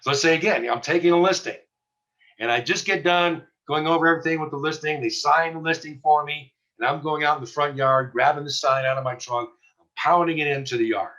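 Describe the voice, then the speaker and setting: A man's voice: fairly high pitch, a little fast, pushed and bright, muffled recording. A man teaching a real estate class in a conversational way, with fillers and restarts. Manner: conversational, acts out little dialogues with fillers and restarts. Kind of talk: recorded class lecture.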